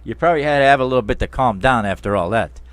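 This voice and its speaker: A man's voice: mid-range voice, rapid-fire, dry recording. A man hosting a talk show interview, emphatic and chatty, speaking to his listeners as friends. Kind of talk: casual interview.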